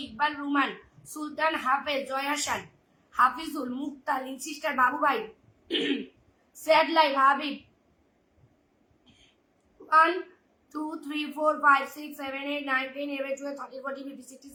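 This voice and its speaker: A woman hosts a live stream, talking fast and repeating the same urgings again and again between lists of viewer names. Her voice is high and bright. The sound is roomy and echoey, with a faint hiss behind it. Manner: rapid repetitive urging of viewers, reading out names. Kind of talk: live stream audience chat. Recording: echoey room with faint noise.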